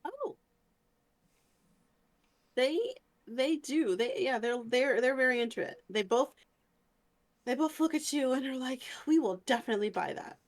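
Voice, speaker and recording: A woman's voice: high voice, unhurried, long pauses. Giggly woman running a tabletop game. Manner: giggly, trips over made-up names. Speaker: game master. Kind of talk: narrating a tabletop game over voice chat.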